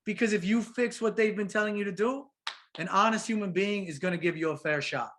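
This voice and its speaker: A man, a professional soccer player, talking as a guest in a casual interview, animated and slangy, calling his host bro and man. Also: sits high, a little fast, slight background noise.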